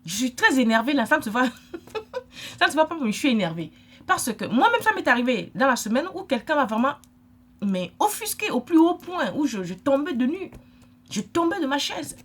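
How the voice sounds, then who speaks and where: Husky-voiced woman lecturing. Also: sits high, big pitch swings, brisk, fairly bright tone. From Africa. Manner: emphatic, lecturing, repeats points. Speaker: vlogger. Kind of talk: impassioned vlog monologue.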